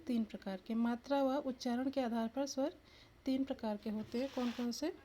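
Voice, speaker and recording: A woman's voice: fairly high pitch, moderate pace, dark tone, slight background noise. A woman teacher giving an exam-prep lesson, asking the viewer questions and sounding out each letter aloud.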